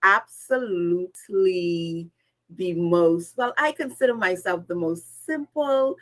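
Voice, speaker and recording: A woman's voice: on the low side, slow, low-quality recording. Upbeat woman on a video call. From Bahamas. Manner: energetic, expressive, listing words in lively runs. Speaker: guest speaker. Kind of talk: upbeat conversational self-introduction.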